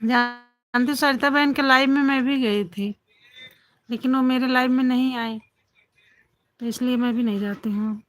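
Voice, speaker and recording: A woman chats casually with viewers on a phone livestream, greeting each one by name. Her voice sits slightly high. She keeps the talk going with repeated little affirmations. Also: steady tone, unhurried, pauses often, soft background music. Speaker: livestream host. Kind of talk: casual chat with live viewers.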